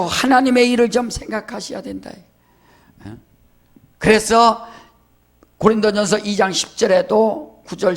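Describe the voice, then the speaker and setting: Lively, gravelly Korean pastor preaching. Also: male voice, high voice. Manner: animated preaching, acts out quoted speech, asks the congregation questions. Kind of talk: sermon.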